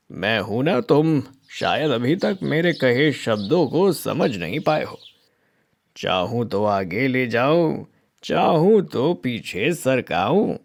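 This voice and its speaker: A man voicing a wise, kindly old magic tree in a cartoon, speaking in a slow, chanting sing-song. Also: mid-range voice, creaky, exaggerated voice. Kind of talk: cartoon voice acting.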